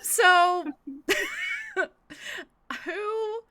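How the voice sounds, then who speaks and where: A woman running a tabletop game as game master over a voice call, giggly and animated. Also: very high voice, drawn-out words. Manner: giggly and animated, often breaking into laughter.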